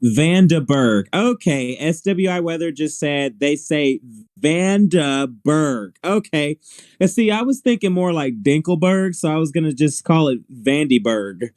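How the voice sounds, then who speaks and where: A man's voice: a little high, animated, moderate pace, a little mellow, no echo. A man co-hosting a live weather stream, rambling and laughing often in casual on-air chat.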